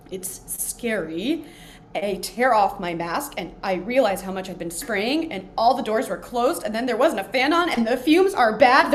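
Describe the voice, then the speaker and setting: An actress playing an anxious young cleaner who rambles nervously in a stage play. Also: female voice, on the high side, slight background noise. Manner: rambling, nervous, self-conscious.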